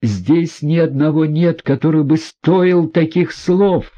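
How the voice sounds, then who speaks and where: A proud young woman in hysterics, as a male audiobook narrator puts her on, her voice driven well above his own and pushed loud. She hurls one accusing outburst after another. The recording is dull and lo-fi. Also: on the high side, slow pace, voice pushed up. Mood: indignant.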